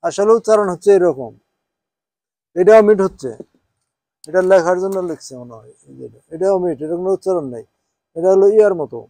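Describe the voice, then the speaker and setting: High-voiced man teaching a class. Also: animated, a little fast, long pauses, mellow, no room sound. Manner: checks with students, asks "হ্যাঁ?" often; switches between Bengali and English, spells Arabic out. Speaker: Quran teacher. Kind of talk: informal class lesson.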